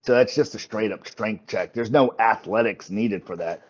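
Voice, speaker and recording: A man's voice: lowish voice, moderate pace, dull audio. A man running a tabletop game as game master, narrating off the cuff and often repeating words as he explains.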